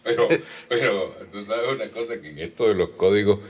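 A man in his sixties with a Colombian Caribbean coastal accent, telling anecdotes slowly at a cultural gathering and spelling words out. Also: on the low side. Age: 60s. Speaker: storyteller guest. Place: cultural event venue. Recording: dull lo-fi recording in a reverberant hall.

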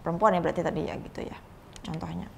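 A woman's voice: lowish voice, fairly even intonation, very fast, vocal fry, slight background noise. Woman lecturer explaining grammar casually. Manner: casual explanatory teaching with frequent "eh" fillers and tag-like "gitu ya". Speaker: English lecturer. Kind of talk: recorded video grammar lesson.

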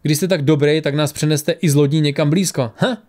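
A man voicing a hot-tempered young mercenary woman. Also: sits low. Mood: angry. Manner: shouting, scornful.

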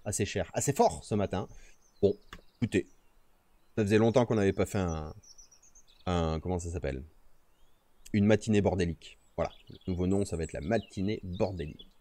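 A fairly low, darkish man's voice, animated and a little fast, comes through with no echo. He chats casually on a live stream from outdoors in nature, talking to himself and his audience while adjusting his streaming microphone and its noise gate.

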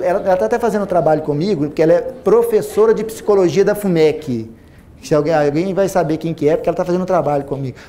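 A man in his forties with a Minas Gerais accent, a plastic surgeon giving an animated seminar talk to a large audience on a lapel mic, repeating phrases for emphasis. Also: sits high. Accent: Brazilian Portuguese, Minas Gerais. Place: auditorium stage with a large audience.

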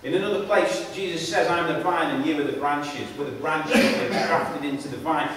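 A man delivers a sermon in a high, earnest voice, repeating and restarting his phrases for emphasis. He sounds far from the mic in a very echoey church hall with a long reverb tail. A faint hiss of room noise sits underneath. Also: steady tone, normal speed, a bit bright. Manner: repetitive, emphatic, stumbling restarts. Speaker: preacher.

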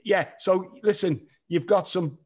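A middle-aged male host chats eagerly over a video call from home, quick to laugh. His voice sits a little high. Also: a little mellow, slightly rough. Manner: eager, chatty, laughs often. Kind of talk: casual chat. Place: home room, indoors.

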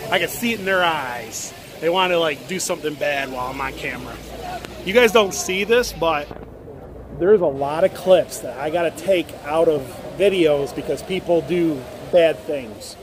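Yankee guy doing a travel vlog, kinda high voice, lots of "right?", noisy street behind. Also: moderate pace. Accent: Northern US. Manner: chatty, keeps asking "right?". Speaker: vlogger. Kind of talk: casual travel vlog chat. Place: out and about on a rainy tourist street.

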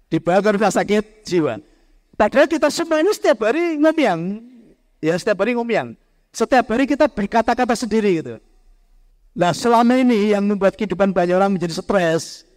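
A man delivers a conversational spiritual talk, speaking straight to his audience. His voice sits high for a man. The recording is dry and close, with little room sound. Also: no room sound. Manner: conversational, addresses listeners directly, mixes in Javanese words. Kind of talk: motivational talk to a live audience.

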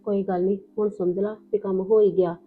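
A woman's voice: medium pitch, flat delivery, a little fast, natural voice. A woman playing a blunt, motherly elderly aunt in a Punjabi village family drama, speaking with a Punjabi accent. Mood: scolding. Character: elderly paternal aunt, scolding and protective. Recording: tinny phone-like lo-fi with music.

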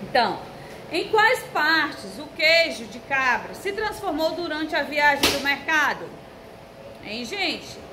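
In a recorded remote lesson for first graders, a Brazilian primary school teacher patiently spells out letters and syllables. She has a high, sing-song voice, a Brazilian Portuguese accent, and a slow pace, with a noisy background.

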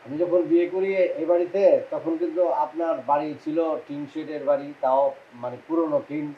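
A man's voice: on the high side, fairly even intonation, brisk, lightly acted. An actor playing a resentful son-in-law, grumbling at his in-laws, in a TV comedy drama. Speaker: son-in-law back from abroad. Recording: dull lo-fi sound, faint noise.

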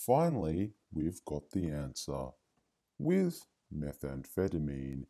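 A man reading a commercial voice-over in a smooth salesman delivery. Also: a bass voice, dark tone. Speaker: ad announcer.

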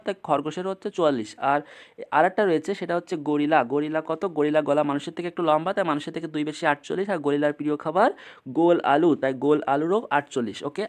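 Tutor drilling mnemonics with constant quizzing. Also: medium pitch. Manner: repeats each point, quizzes with quick rhetorical checks. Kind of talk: casual mnemonic lesson.

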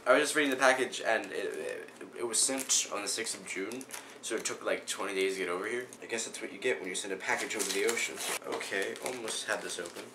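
A man vlogging casually as he unboxes a package, excitable and rambling with frequent stumbles. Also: on the low side, quick pace, noisy background. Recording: roomy echo.

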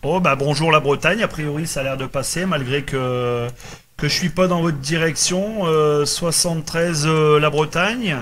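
A man from northern France chats casually on amateur radio while making contacts, often repeating little reassuring phrases. His voice is fairly high, a little slow, and fairly bright in tone. The radio set adds noticeable background noise.

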